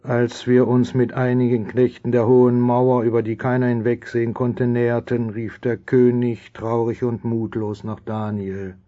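A man playing a loyal courtier who narrates a radio play in a solemn, deliberate way. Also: medium pitch, flat delivery, highs cut off, natural voice. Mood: sorrowful. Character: loyal royal courtier recounting events as storyteller. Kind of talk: dramatised scripted narration.

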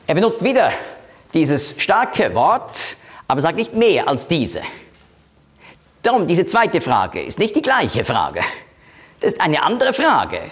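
A man leading a Bible study, explaining scripture slowly and quoting verses aloud. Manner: slow, explanatory, quotes scripture in a lowered voice; switches between teaching and group discussion. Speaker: Bible teacher.

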